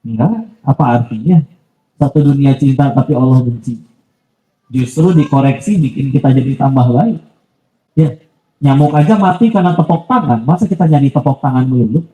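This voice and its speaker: A man's voice: mid-range voice, moderate pace, warm tone, roomy sound, rough recording. A man giving a casual, conversational sermon as a preacher, full of asides and polite apologies. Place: mosque.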